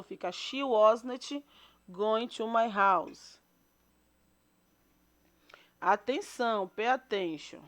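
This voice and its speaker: A woman leads a recorded grammar lesson in a slightly high voice. She is patient and repeats each example, checking in with her students after every point. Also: a bit bright. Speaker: English teacher.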